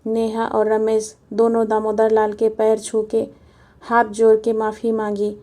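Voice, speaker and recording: Mellow woman narrating a storybook. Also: fairly high pitch, completely flat delivery, unhurried.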